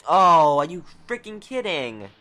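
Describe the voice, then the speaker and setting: A let's player from New York with a New York accent, giving excitable, exasperated running commentary on a video game playthrough. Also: medium pitch, a little slow.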